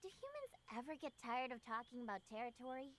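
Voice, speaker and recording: Game role: childlike girl hunter, eager and naive, high swooping voice. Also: big pitch swings, fast talker, fairly bright tone. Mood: eager, curious. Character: bubbly, naive young girl hunter from the wilds.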